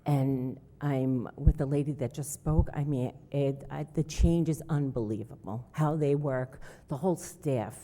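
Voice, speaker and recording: Very low, dark-voiced earnest mother. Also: measured pace, hardly any pauses. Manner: earnest, effusive, with fillers. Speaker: parent speaking at a hearing. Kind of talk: public comment. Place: village hall meeting room. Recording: reverberant hall.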